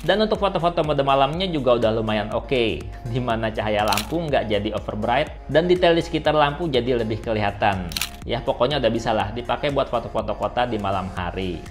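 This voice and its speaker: A man presents a tech review in a casual, scripted style. His voice sits at a medium pitch, with music playing behind it. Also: expressive, a little fast. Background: background music.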